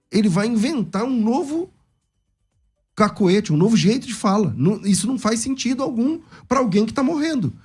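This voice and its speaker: A man's voice: high-pitched, slightly rough. A man with a Brazilian accent, debating a point of scripture and arguing it with energy. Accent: Brazilian Portuguese. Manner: argumentative, lively, quotes scripture with changing intonation. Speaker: pastor in a debate. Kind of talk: theological debate.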